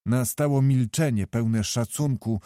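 A male audiobook reader narrating a historical novel in a measured, even way. His voice sits at an ordinary middle pitch and the recording sounds dry and close. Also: no room sound.

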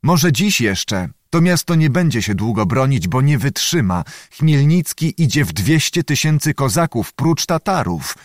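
A man's voice: mid-range voice, sing-song, a little slow, hardly any pauses, no room sound, studio quality. A man reading an audiobook, voicing a grim, weary soldier in a gloomy, foreboding tone.

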